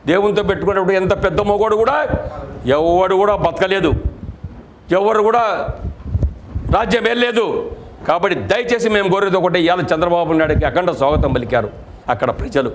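A man's voice: high voice, fairly quick, long pauses, a little hiss or hum. A middle-aged man, a party district president, giving an angry political press statement full of accusing rhetorical questions. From Andhra Pradesh, India.

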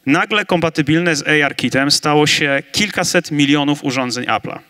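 Guy on a big conference stage w/ handheld mic, bright punchy voice, slightly higher pitched, pushes hard on big claims. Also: normal speed. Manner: energetic, emphatic, building to big claims. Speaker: conference debater on augmented reality. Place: large conference stage with audience.

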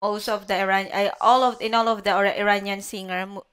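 A woman's voice: mid-range voice, flat delivery, quick pace, a bit bright, smooth. A young woman, not a native English speaker, chatting casually as host of a music reaction video. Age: young adult. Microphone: headset boom mic.

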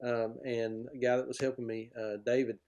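A middle-aged man talks about his farm with eager, plain-spoken energy, laying out how things work step by step. His voice sits at an ordinary middle pitch for a man. He is heard through a video-call setup from a room at home. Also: flat delivery, normal speed, darkish tone, highs cut off. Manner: enthusiastic, explanatory, plain-spoken. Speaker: pig farmer guest. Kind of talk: podcast interview over video call. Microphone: video call, webcam framing.

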